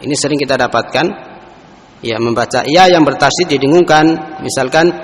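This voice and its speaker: A man teaching Quran recitation rules, explaining each point and then chanting example phrases slowly for students to repeat. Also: medium pitch. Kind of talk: tajwid lesson with recited examples. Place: large mosque hall. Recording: echoey mosque hall sound.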